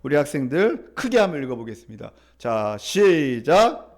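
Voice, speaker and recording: High-voiced man preaching a sermon. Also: sing-song, moderate pace, darkish tone. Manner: preaching with emphatic repetition and leading the congregation in reading. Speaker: pastor. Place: church sanctuary.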